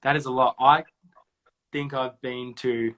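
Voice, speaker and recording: A man's voice: medium pitch, steady tone, measured pace, a bit bright. A man hosting a casual youth ministry video chat, chatty and joking with his guests. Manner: jokey, chatty.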